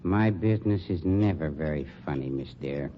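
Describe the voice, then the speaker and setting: In an old-time radio drama style, a male actor with an American accent plays a suave, menacing funeral director turned sleuth, speaking in a formal, pompous, insinuating way. His rumbling low voice moves at a moderate pace with a smooth, probing mood, on a dull, noisy old radio recording.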